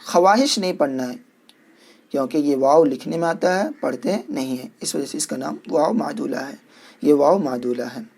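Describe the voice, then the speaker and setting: A man's voice: a little high, a little mellow. A man teaching a reading lesson, who spells words out and repeats each sentence carefully so learners can follow. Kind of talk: language lesson, reading aloud and explaining spelling.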